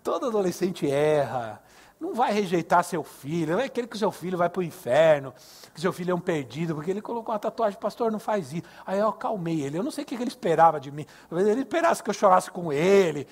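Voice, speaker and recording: A man's voice: high-pitched, fast talker. An older man with a Brazilian Portuguese accent, preaching a sermon at a youth service, telling stories and asking the congregation questions. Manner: animated, acts out dialogue, asks the congregation questions. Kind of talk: sermon with storytelling.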